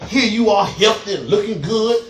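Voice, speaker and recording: A man preaching to a group of parolees, animated, laughing and acting out voices as he goes. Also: high-pitched, normal speed, faint music behind. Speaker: prison minister. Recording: echoey room, mic far off.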